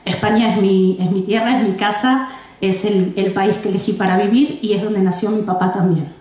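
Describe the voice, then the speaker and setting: Her mid-range voice stays steady at a normal speed, slightly mellow. She's an Argentinian woman in her forties giving a public presentation of her first book to a library audience, talking chattily with many restarts and asides, all in a room with heavy echo.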